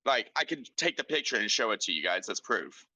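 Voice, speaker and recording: A man playing a tabletop game over voice chat, talking in halting, rambling bursts full of fillers as he describes what his character does. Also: fairly low pitch, big pitch swings, bright, forceful tone, no room sound, low-quality recording. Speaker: player.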